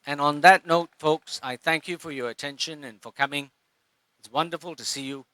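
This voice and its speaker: High, bright-voiced Singaporean man speechifying. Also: dry recording. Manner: impassioned, with halting pauses. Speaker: speaker at a public rally. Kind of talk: public speech.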